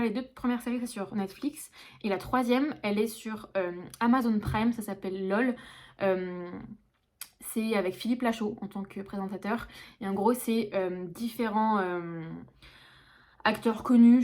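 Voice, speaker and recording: A young woman talking to her followers in a loose, chatty vlog. She speaks with everyday slang and lots of fillers, at a middle pitch. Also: darkish tone. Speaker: vlogger. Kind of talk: casual vlog chat to camera.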